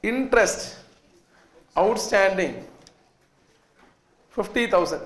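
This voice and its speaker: A man's voice: high-pitched, expressive, slow pace, a bit bright. A man in his thirties with a South Indian accent, teaching a class emphatically, repeating points and putting questions to students. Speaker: accountancy lecturer. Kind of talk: classroom lecture. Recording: echoey classroom with students faintly audible.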